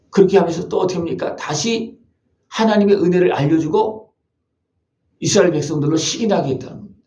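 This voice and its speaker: A man's voice: fairly high pitch, mellow, reverberant. A male pastor preaching a sermon, asking his congregation one rhetorical question after another. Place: church sanctuary.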